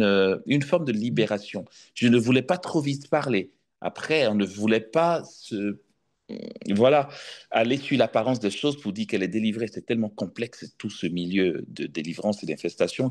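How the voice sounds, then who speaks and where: French preacher telling a deliverance story. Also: male voice, fairly low pitch. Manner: storytelling, measured and cautious, many hesitations; rising to emphatic preaching. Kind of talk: sermon with personal testimony.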